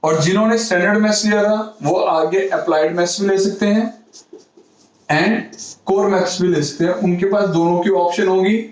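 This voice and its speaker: A man teaches a class with a fairly high voice, mixing terms into his explanation. He lays out each point patiently and repeats the important ones. The sound carries a clear room echo. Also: fairly even intonation, moderate pace. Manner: explains step by step, repeats key points, calls students "beta". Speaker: maths teacher. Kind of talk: classroom lecture. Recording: echoey room.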